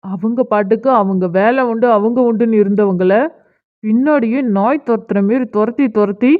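A woman's voice: a little high, moderate pace, lightly acted. A woman voicing an angry, protective schoolboy who scolds a man, in a cartoon. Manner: scolding, confrontational. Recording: tinny phone-like audio.

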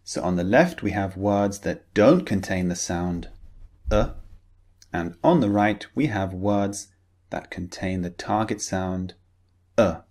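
A British man gives a pronunciation lesson in a deep, low voice. He talks slowly and deliberately, pausing to model words for the learner to repeat. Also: a little mellow. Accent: British English. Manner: slow, careful, encouraging delivery with drilled example words. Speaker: pronunciation teacher.

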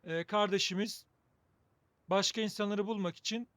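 A man's voice: sits high, fairly even intonation, normal speed, a bit bright. A man hosting a gaming video with casual playthrough commentary, wry and joking as he thinks aloud.

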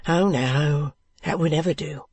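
A man's voice: a little high, measured pace, vocal fry, a little mellow, breathy edge, no echo, exaggerated voice. A man voicing a pompous, solemn Victorian husband who swaps his v's for w's. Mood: fussing. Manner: pompous, stiffly solemn, says w for v.

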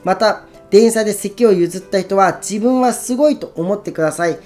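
Woman, scripted narration, calm instructive tone, mid pitch, faint background music. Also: normal speed. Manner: calm, instructive, even reading. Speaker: book summary narrator.

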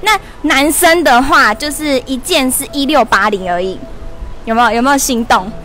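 A woman in her twenties hosting a lively livestream shopping promo in a mall store, chatty and laughing often. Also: sits high, moderate pace, soft background music. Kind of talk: lively live-stream product promo. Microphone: wired lapel mic held in hand.

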